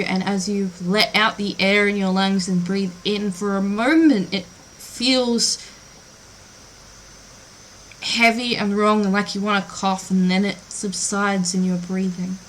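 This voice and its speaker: A woman running a tabletop game as dungeon master, narrating scenes in a measured, descriptive way. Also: medium pitch, little pitch movement, a little hiss or hum, poor audio.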